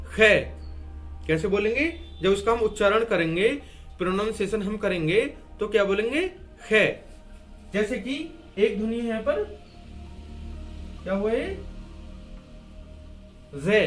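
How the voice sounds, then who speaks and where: High-voiced man teaching Hindi grammar. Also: lively intonation, normal speed, long pauses, soft background music. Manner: asks and answers his own questions, repeating key words; writes and erases on a board while explaining. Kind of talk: classroom-style grammar lesson at a board.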